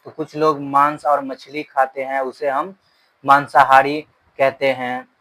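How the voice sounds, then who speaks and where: A male teacher talks through an English story word by word and explains each word in Hindi. His delivery is slow and measured. His pitch stays level and seldom rises or falls. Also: flat delivery, sharp tone, low-quality recording. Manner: reads English words slowly, then explains in Hindi; repeats rules. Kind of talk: slow bilingual grammar lesson.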